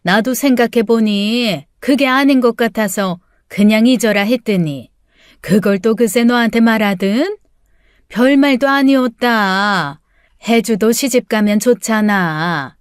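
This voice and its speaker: A woman reading as a scheming older mother-in-law, her fairly high voice sliding between sweet coaxing and curt scolding. The audiobook recording is close and dry, with no room sound. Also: a little slow, clear, resonant tone, dry recording, lightly acted. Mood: dismissive. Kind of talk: audiobook character voice.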